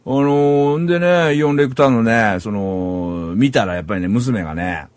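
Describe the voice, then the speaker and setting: A man's voice: mid-range voice, moderate pace, a little mellow, no room sound. A middle-aged man from Saitama, Japan, hosting a solo podcast in a rambling, casual way and chuckling at himself. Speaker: podcast host.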